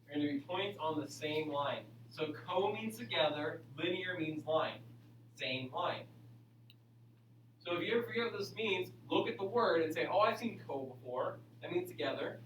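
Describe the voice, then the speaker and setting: A male school teacher with a fairly high voice, speaking to a class in a roomy, echoing space. He repeats short instructions and checks in often, prodding students along in the manner of an aerobics instructor. The mic sits at a distance. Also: moderate pace, a bit bright. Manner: repetitive step-by-step explaining, frequent okay check-ins. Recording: echoey classroom, distant mic, faint hum.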